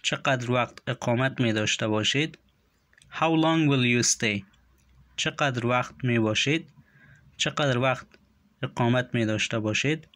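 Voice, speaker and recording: Male language teacher, medium pitch, slow deliberate phrase drills, dry close recording. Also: a bit bright, dry recording. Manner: says English phrases slowly and clearly, translations quicker. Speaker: English teacher.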